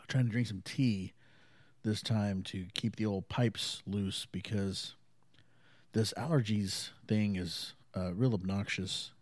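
A man's voice: lowish voice, steady tone, slow, dry recording, studio quality. A man hosting his own podcast, rambling casually with lots of fillers and the odd swear word, his voice a little thick from allergies. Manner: rambling, loose and profane, many fillers. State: congested from allergies, slightly thick voice. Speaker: podcast host. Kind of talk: casual solo podcast monologue. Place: small home studio.

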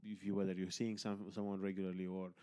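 A podcast host talks candidly in casual conversation, rambling with fillers and restarts and swearing casually. His deep voice moves little in pitch, and he speaks fast with a mellow, clean tone.

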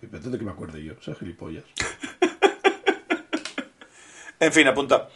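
A man's voice: on the low side, very animated, measured pace, pushed and bright, a little hiss or hum. A man co-hosting a podcast, chatting casually, telling stories, joking and swearing freely. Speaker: podcast co-host. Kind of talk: casual chat.

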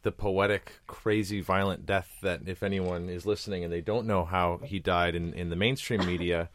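Very deep man, dry teasing. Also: fairly even intonation, moderate pace, a bit bright. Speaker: guest. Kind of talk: casual chat.

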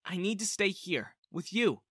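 A narrator voices an earnest, determined female Russian spy seeking shelter in audiobook-style character dialogue, sounding businesslike and urgent, pleading yet resolute. The medium-pitched voice has lively intonation, a measured pace and a fairly bright tone, pitched up, in a dry, clean studio recording.

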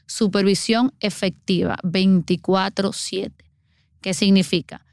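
A woman's voice: mid-range voice, fairly even intonation, slow pace, vocal fry, darkish tone, dry recording, studio quality. A middle-aged woman, earnestly explaining child water safety as a guest on a podcast. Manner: earnest, explanatory, acts out everyday scenes.

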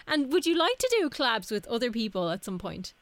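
A woman's voice: a little high, big pitch swings, fairly quick, no echo. Woman interviewer, dry close sound. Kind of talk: casual interview.

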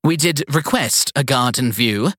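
A man voicing an imperious, sharp-tongued woman of ninety-six in an audiobook, with a husky, lively voice raised well above his own. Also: medium pitch, measured pace, no room sound, studio quality, voice pushed up. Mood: haughty. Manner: haughty, clipped and demanding.

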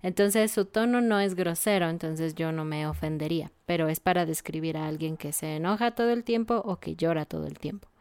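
A Mexican woman teaching Spanish vocabulary in a casual lesson, explaining words with clear examples. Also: low-pitched, a little fast, few pauses, a little mellow, dry recording.

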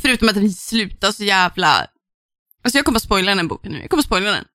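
A woman's voice: medium pitch, big pitch swings, sharp tone, no echo, clean studio sound. A young woman, swearing freely and ranting with exasperation as she chats about books on a podcast. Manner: profane, exasperated ranting with laughter. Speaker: podcast co-host. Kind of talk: casual chat about books.

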